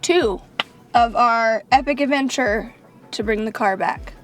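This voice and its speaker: A woman's voice: on the high side, a little slow. A woman co-hosting a road trip vlog, chatting cheerfully from inside a car. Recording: music playing behind.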